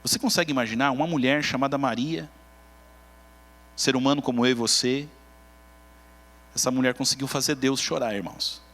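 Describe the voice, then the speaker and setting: A man with a Brazilian Portuguese accent preaching a sermon as a pastor. He tells the story in an animated way and acts out the characters. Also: mid-range voice, fairly quick, pauses often. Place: church. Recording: long reverb in a large church.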